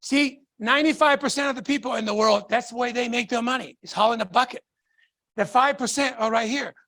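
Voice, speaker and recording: A man's voice: very high-pitched, a little fast, pushed and bright, no echo, studio quality. A man from Tonga, giving a fervent motivational stage talk and firing rhetorical questions at the audience. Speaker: motivational speaker.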